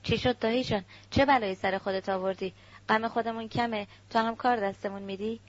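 A gentle, grieving uncle offers soft words of comfort, read out by a woman narrating a storybook. The recording is dull and lo-fi. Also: fairly high pitch, fairly even intonation, natural voice. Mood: worried. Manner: soft consoling. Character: grieving kindly uncle, middle-aged man, gentle.

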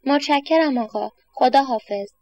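A determined little boy from a storybook, as a woman puts him on, polite and earnest but never giving up. His voice sits up high and bright. The recording is close and dry. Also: no echo, dull audio, soft background music. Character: determined stubborn young boy.

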